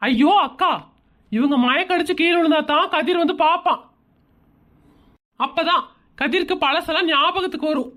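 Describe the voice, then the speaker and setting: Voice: very high voice, moderate pace, pauses often, bright, forceful tone. A woman voicing an impatient, exasperated young man in a comedy cartoon, urging his older sister along.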